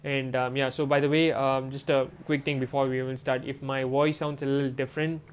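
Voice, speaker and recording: Talking casually to the camera with a cold, a manifestation coach sounds congested from a stuffy nose and swollen throat. He rambles, full of "um" and "you know." The mid-range voice shows little pitch movement at a fairly quick pace, with a little hiss or hum.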